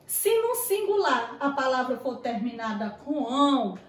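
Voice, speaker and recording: Woman, patient classroom teacher, high bright register, a bit far from the mic. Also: very animated, a little slow, roomy sound. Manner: patient, explains step by step with questions; voices imagined student questions. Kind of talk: classroom video lesson.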